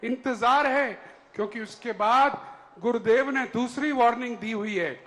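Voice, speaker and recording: A man's voice: extremely high pitch, measured pace, a bit bright. A male moderator of a question session who speaks formally and fires off strings of rhetorical questions. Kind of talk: formal announcing.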